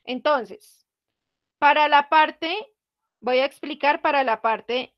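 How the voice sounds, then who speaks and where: A woman teacher, speaking slowly and patiently to her students. Her voice sits high, and she checks their answers with frequent questions. The recording is close and dry. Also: no echo, muffled recording. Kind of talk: online class explanation.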